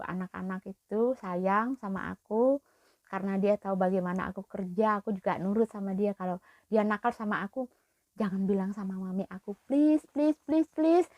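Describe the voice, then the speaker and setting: Brief: young Indonesian woman, emotional storyteller, slightly high voice, dry close sound. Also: no echo. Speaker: domestic worker. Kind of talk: storytelling vlog.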